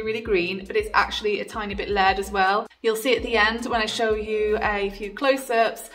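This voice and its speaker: A woman giving a casual, chatty voice-over for a painting tutorial, relaxed, with frequent ums. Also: medium pitch, recorded from a distance.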